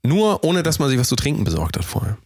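A man's voice: medium pitch, wildly swooping pitch, quick pace, darkish tone, breathy edge, dry recording, clean studio sound. A man co-hosting a podcast in joking, casual chat, with playful mock-announcer flourishes. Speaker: podcast co-host.

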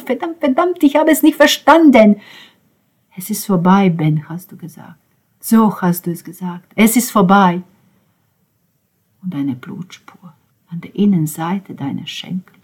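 In a dramatic audiobook reading, a woman voices a grieving, bitter young drummer, delivering an intense first-person monologue that swings from hushed whispers to outbursts. Her voice is fairly low and husky, her pace measured, and the mood is anguished.

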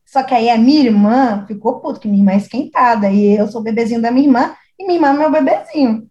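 Uma jovem mulher com sotaque brasileiro contando uma história de forma animada, imitando as vozes das pessoas da história. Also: female voice, a little high, fast, lo-fi sound. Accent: Brazilian Portuguese. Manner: animated, acts out quoted voices. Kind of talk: casual storytelling chat. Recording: echoey room.

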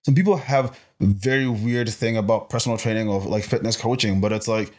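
A man talking as a guest on a podcast, a personal trainer who speaks in an animated way, full of fillers and acted-out quotes. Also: on the low side, brisk. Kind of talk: casual podcast conversation.

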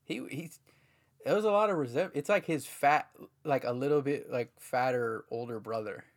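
A man co-hosting a podcast in laid-back casual chat, often trailing off into quieter asides. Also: mid-range voice, moderate pace.

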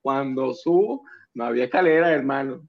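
A man's voice: medium pitch, brisk, vocal fry. A man with a Venezuelan accent telling joking anecdotes in a casual chat among friends. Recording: muffled lo-fi sound.

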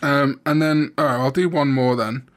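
A young Welsh man with a Welsh accent chats casually, laughing often and swearing freely. His voice sits at an ordinary middle pitch, and he quizzes his friend in an easy, unhurried way. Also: steady tone. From Wales. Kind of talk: casual chat.

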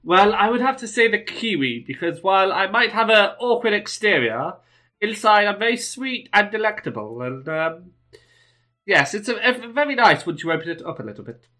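Brief: a man putting on a nervous Scottish lad, fawning and eager, slightly high and bright. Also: very animated, normal speed, exaggerated voice. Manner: overly polite, fawning, stammering. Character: nervous eager young man applying for a tavern job.

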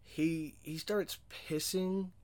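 A man's voice: on the high side, steady tone, slow. A young adult man hosting a casual movie discussion podcast, rambling loosely with many fillers and self-mocking jokes. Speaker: podcast host.

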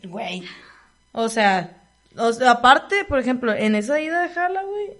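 A woman's voice: a little high, animated, normal speed, a bit bright. A young woman with a Mexican accent, co-hosting a podcast and telling a story in casual, slangy, emphatic chat. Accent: Mexican Spanish. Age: young adult. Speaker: podcast co-host.

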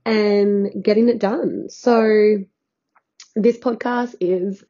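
A woman's voice: medium pitch, fairly even intonation, very slow, warm tone, lo-fi sound. A woman hosting a podcast, talking in a loose, unscripted way with a nasal, congested voice from illness, sitting on a bed at home. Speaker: podcast host and healing coach. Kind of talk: casual solo podcast chat.

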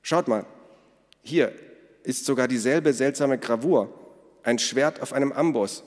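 A man's voice: medium pitch, measured pace, voice pushed up, close to an everyday voice. A man voicing a cheeky, know-it-all girl who talks in an eager, teasing way, in a storybook reading with long reverb.

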